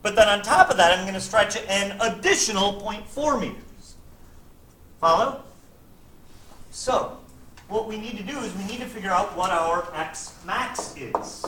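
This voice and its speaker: A man's voice: high voice, animated, unhurried, sharp tone. Man teaching physics in echoey classroom. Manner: checks in often with "right?" and "okay?". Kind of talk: classroom lecture. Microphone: camera at a distance. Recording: echoey classroom, distant mic, faint noise.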